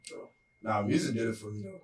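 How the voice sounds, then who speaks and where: A man's voice: on the low side, animated, fairly quick, a little hiss or hum. A young man co-hosting a podcast, talking in a laid-back way with slang like "bro" and "you feel me.". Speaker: podcast co-host. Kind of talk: casual chat. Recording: roomy echo, distant mic.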